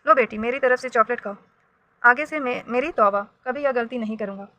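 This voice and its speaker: A woman's voice: fairly high pitch, fairly quick, pushed and bright, no echo. A woman voicing a brash middle-aged male shopkeeper in a read-aloud storybook, speaking in a raised voice.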